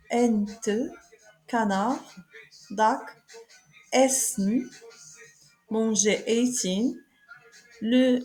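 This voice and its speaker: A woman teaching German from French, repeating each word in German, French and English, with hesitant fillers. Her first language is Arabic. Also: on the high side. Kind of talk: slow alphabet lesson. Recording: soft music behind.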